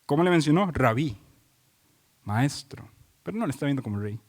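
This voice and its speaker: High-voiced preacher. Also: male voice, expressive, normal speed, a little mellow, big-room sound. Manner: emphatic preaching with repeated phrases and questions to the congregation. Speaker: pastor. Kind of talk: expository sermon.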